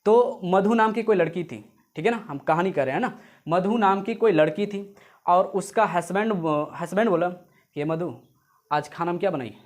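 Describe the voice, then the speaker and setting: A man's voice: high-pitched, normal speed. A man teaching an exam-prep lesson, repeating points over and over and calling viewers "friends". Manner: repetitive drilling, addresses viewers as friends; explains memory tricks with jokes and sung snippets. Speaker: coaching teacher.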